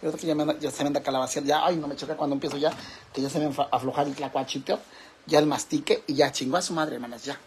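Racing along with a steady tone, a man whose voice is a little high chats in a casual vlog at home, surrounded by pets and fish tanks. He has a Mexican Spanish accent, coos at his animals, swears freely and plays it campy and theatrical. Slight background noise can be heard.

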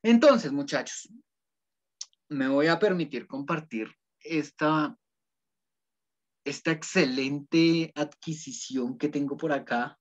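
A man's voice: fairly high pitch, slow pace, pauses often. A male ethics teacher, giving an online class in a conversational way, often checking in with students and rephrasing his points. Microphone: computer mic on a video call. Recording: dull lo-fi video call audio.

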